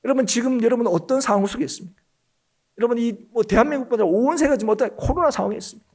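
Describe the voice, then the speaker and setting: A man's voice: very high-pitched, very fast, a little mellow. A male pastor preaching a Sunday sermon, emphatic and often calling out to the congregation. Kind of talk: Korean church sermon. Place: church sanctuary.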